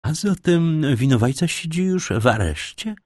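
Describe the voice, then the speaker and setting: A man's voice: a little high, lively intonation, moderate pace, darkish tone, no room sound, studio quality, voice pushed up. A man voicing a haughty aristocratic older woman in an audiobook, dismissive and scolding. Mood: curious.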